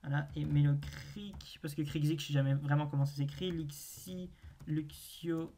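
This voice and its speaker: A gaming video host thinking aloud through a naming quiz, hesitant with drawn-out pauses and wry self-mocking asides. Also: mid-range voice, steady tone, warm tone, slight background noise.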